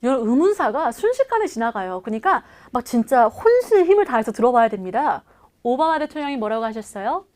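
A woman teaching a language lesson in a lively, coaxing way, repeating phrases for learners to follow. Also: sits high. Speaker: English teacher. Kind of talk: video lesson.

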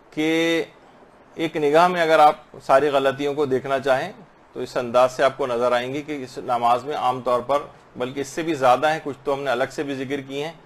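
A man teaching a lesson on correct prayer recitation, slowly sounding out Arabic phrases to show how each letter should be pronounced. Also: medium pitch. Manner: slow, drawn-out recitation of Arabic phrases to demonstrate pronunciation. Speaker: religious teacher.

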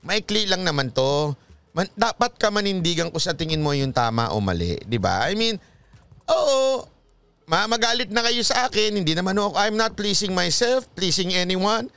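A man's voice: sits high, sing-song, normal speed, gravelly, clear, resonant tone, dry recording. A Filipino man, a pastor, giving emphatic, preachy talk-show commentary with a Filipino accent and tagging his lines with "ha?". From Philippines. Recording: loud music playing behind the voice.

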